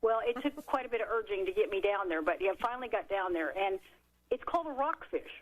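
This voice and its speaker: A middle-aged woman, an author and radio guest, telling a childhood story in a lively way and acting out the quotes. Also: mid-range voice, fast, rough recording. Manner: lively, animated storyteller who acts out quotes. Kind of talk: storytelling in a talk radio interview.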